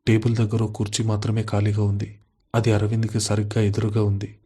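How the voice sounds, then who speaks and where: A male storyteller reads a family drama in a steady, unvaried monotone. His voice sits low and mellow with a slightly husky grain, and his pitch barely moves from line to line. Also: fairly quick. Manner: steady monotone reading, voicing all characters' quoted lines in the same flat voice. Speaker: narrator. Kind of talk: scripted story narration.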